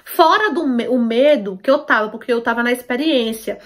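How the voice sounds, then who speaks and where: A woman's voice: a little high, moderate pace, a bit bright. A woman tells a personal story to her viewers, emphatic and repeating herself, often checking that they follow. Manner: emphatic, repeats herself, asks listeners for agreement.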